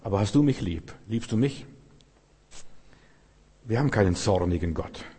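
A man's voice: fairly low pitch, lively intonation, moderate pace, warm tone, breathy edge. A middle-aged man preaching a sermon with fervor, calling on the congregation for responses. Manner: fervent, calls to the congregation for responses. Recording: long hall reverb.

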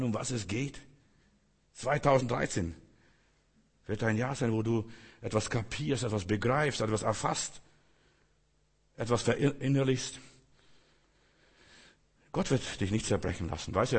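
A man with a husky, somewhat breathy voice preaches a sermon. He swings from quiet, dropped passages to sudden loud, high exclamations, addressing his listeners directly. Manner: dramatic, swings between hushed and loud exclamation.

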